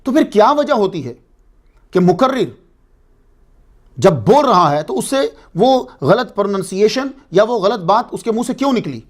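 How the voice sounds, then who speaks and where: High-voiced man giving a religious lecture. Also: sing-song. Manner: explanatory, asks and answers his own questions. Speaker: religious speaker.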